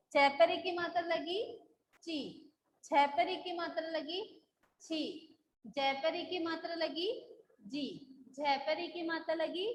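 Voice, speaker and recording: A woman's voice: very high voice, roomy sound, slight background noise, poor audio. A woman school teacher taking a live online class, patiently drilling syllables and checking that the students follow.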